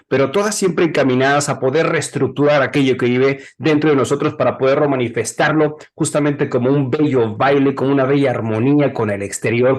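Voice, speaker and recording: A man hosting a spiritual podcast, effusive and warm in tone, speaking in long winding sentences. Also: a little high. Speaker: podcast host.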